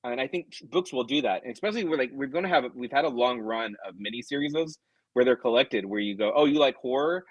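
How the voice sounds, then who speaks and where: A man's voice: mid-range voice, fast, husky, no room sound, muffled recording. A middle-aged man, a comics writer guest, chatting casually and animatedly, drifting into tangents and acting out quoted customers. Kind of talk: casual chat.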